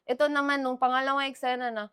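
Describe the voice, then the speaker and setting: Woman, high voice, dry close sound, animated storyteller. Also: fast, clear, resonant tone, no room sound. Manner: animated, laughing storyteller, mixes English in. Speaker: guest actress. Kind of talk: casual interview storytelling.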